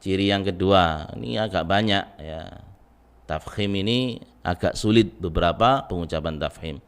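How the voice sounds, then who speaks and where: An Indonesian man teaching Quran recitation rules in a recorded lesson, patiently drilling syllables, tagging phrases with a soft "ya" and chanting example verses. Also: sits low, moderate pace, clear, resonant tone.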